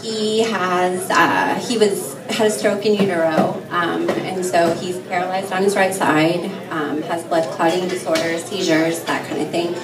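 A woman's voice: on the low side, fairly even intonation, measured pace, hardly any pauses. A woman guest on a bar stage telling her story into a handheld mic, with many "um" fillers. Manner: soft-spoken, with many "um" fillers and light laughs. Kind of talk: on-stage interview. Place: bar stage before a crowd. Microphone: handheld mic, far camera. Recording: echoey bar from far off, crowd noise. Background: crowd chatter.

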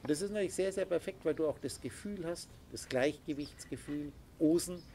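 Brisk and a little mellow, his voice slightly high, a man holds forth to a small group as their spiritual teacher. He lectures emphatically and insistently with sound effects, faint noise audible behind him.

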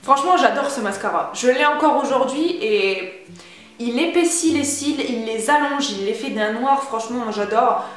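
A woman's voice: fairly high pitch, lively intonation, moderate pace, heavy reverb, soft background music. A young woman chatting casually through a beauty haul vlog, slangy and enthusiastic. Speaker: beauty vlogger.

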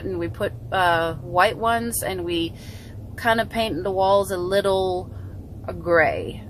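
A woman's voice: fairly low pitch, a bit bright, a little hiss or hum, low-quality recording. Chatty woman vlogging from her car. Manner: chatty, frequent restarts and fillers. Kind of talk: casual vlog update. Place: parked car. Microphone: phone camera held close.

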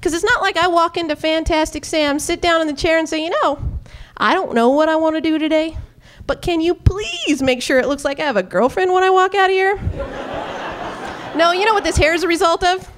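A woman's voice: extremely high pitch, a little fast, a little hiss or hum. A young woman performing a stand-up comedy routine on a club stage, telling stories with acted-out quotes into a handheld mic. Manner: animated storytelling with acted-out quotes and gestures.

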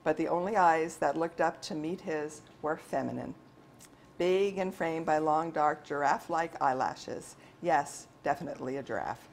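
A woman author reads her novel aloud in a steady, measured way. Her voice sits on the lower side, with a faint hum of the room around her. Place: bookstore event.

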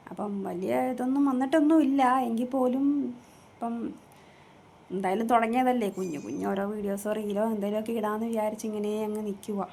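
A woman's voice: mid-range voice, fairly even intonation, quick pace, vocal fry, warm tone, slight background noise. Earnest rambling woman vlogging at home. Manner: earnest, rambling, repeats herself. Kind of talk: casual chat to camera. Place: room at home, indoors. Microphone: phone held in her own hand.

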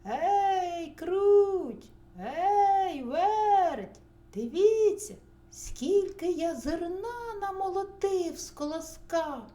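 A woman's voice: high-pitched, very animated, slow, mellow, full character voice. A woman voicing a cheerful, hardworking male rooster in a children's audio story. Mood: cheerful calling. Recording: roomy recording, faint hum.

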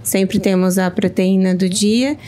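A woman's voice: medium pitch, steady tone, a little slow, warm tone. A woman who works as a restaurant nutritionist, methodically listing her duties in the office. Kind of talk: casual explanation to camera.

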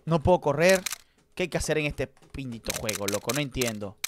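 A man streaming a horror game live, talking to his chat and swinging between mutters and loud outbursts. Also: mid-range voice, expressive, brisk, noisy background. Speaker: gaming streamer. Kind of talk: live let's-play commentary.

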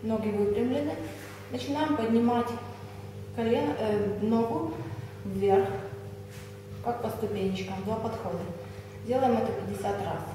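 Slow-paced woman instructor in echoey room. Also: on the high side. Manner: measured, short commands while exercising. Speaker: fitness instructor. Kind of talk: exercise instruction with counting. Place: small indoor exercise studio. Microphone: camera a few metres away. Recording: echoey room, distant mic, clear noise.

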